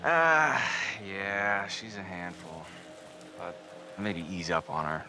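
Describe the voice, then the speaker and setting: A man's voice: low voice, very animated, slow pace, music in the background, full character voice. An actor playing a playful young man who jokes around to impress his date, in video game dialogue. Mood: joking. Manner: playful and joking. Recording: game audio with loud ambient noise.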